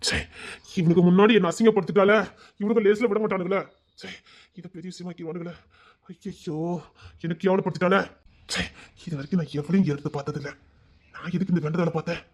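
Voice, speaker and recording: Man acting as a young village man, high-pitched, agitated, self-reproaching. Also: steady tone, fast. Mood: ashamed, frantic. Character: young village man, ashamed, hot-tempered.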